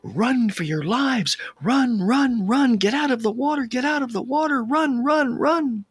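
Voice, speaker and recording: A man voicing a frantic mother bird pleading with her chicks in a husky, raised voice. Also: very high-pitched, animated, unhurried, no room sound, pitched above the performer's own voice, full character voice. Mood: panicked. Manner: urgent pleading shouts.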